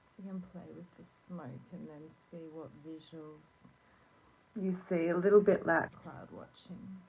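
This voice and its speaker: A woman who is unwell with a sore throat, giving a casual, halting card reading as host, with gentle instructive asides. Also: low voice, fairly even intonation. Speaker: tarot and oracle card reader hosting a reading. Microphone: phone. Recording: noisy phone recording with clicks.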